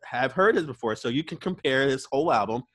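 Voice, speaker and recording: A man's voice: mid-range voice, expressive, brisk, a bit bright, no room sound. A man hosting a casual album review, chatty and profane, laughing between remarks. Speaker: album reviewer and show host. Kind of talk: casual music review chat.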